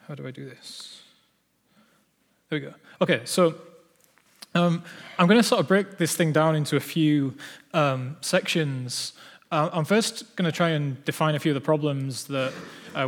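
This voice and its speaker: A man's voice: a little high, steady tone, a little slow, long pauses. A young man with a Northern English accent gives a conference talk as an audio researcher, with many fillers and restarts. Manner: hesitant, many ums and "sort of" fillers. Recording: long hall reverb.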